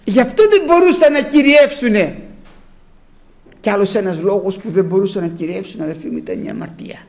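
Gravelly, animated male preacher. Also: high voice. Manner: dramatic, exhorting, rhetorical questions. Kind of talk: dramatic sermon storytelling.

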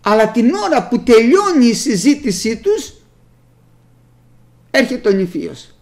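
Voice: medium pitch, sing-song, darkish tone. A preacher giving a sermon, reading old scripture aloud and explaining it plainly to the congregation, whom the preacher calls brothers. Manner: speaks directly to the congregation as brothers.

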